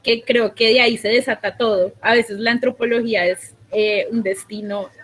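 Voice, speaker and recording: A woman's voice: fairly high pitch, fairly even intonation, moderate pace, slightly rough. A woman hosting a casual interview on a video call, asking long, winding questions full of fillers.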